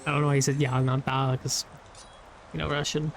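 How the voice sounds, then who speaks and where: A young adult gamer who makes gameplay videos rambles loosely over the action, laughing often and swearing casually. The voice sits in the mid range with little pitch movement and a slightly fast pace, over faint background noise.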